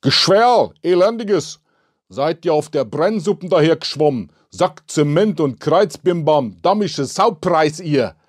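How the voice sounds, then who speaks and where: A man voicing a furious Bavarian homeowner who rants loudly in thick dialect. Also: on the high side, animated, pitched above the performer's own voice. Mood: raging. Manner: loud, ranting, rapid tirade.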